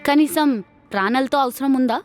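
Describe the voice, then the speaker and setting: An actress playing a lazy, sarcastic office worker who answers everyone with wisecracks. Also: female voice, high-pitched, moderate pace, soft background music, close to an everyday voice. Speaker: office employee avoiding work. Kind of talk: web series acting.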